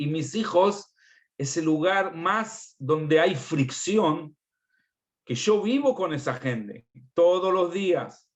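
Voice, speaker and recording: Earnest rabbi. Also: male voice, a little high. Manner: earnest and explanatory, often restarts phrases. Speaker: rabbi giving a parenting class. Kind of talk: religious parenting lesson over video call. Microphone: video call.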